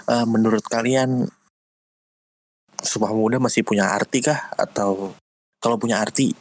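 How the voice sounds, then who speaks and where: A young man with a Jakarta Indonesian accent hosting a casual podcast in hushed late-night talk. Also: fairly low pitch, steady tone, normal speed, dry recording, rough recording. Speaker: podcast host.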